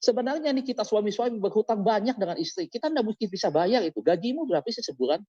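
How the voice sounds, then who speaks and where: A pastor preaches a sermon during an online service on a video call, exhorting his listeners and firing questions at them. His voice sits high and is mellow, expressive, and fast, with no echo and lo-fi sound.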